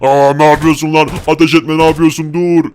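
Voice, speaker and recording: A man voicing a huge, hot-tempered male Hulk brute in a game role-play, talking in a gruff, threatening, bullying way. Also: on the high side, little pitch movement, fairly quick, darkish tone, slight background noise, voice pushed down, close to an everyday voice. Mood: angry, threatening.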